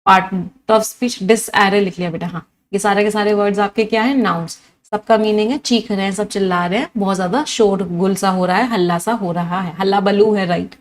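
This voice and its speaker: With a mid-range voice and a slightly fast pace, a woman runs a live online English vocabulary class. She moves between Hindi and English, piling up synonyms and questioning her students in a lively manner.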